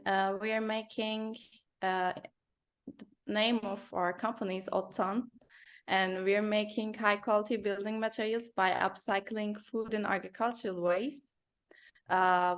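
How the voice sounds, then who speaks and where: Speaking in careful English marked by frequent pauses and fillers, a Turkish designer and company founder answers questions in a business interview. Her voice is mid-range with a clean tone.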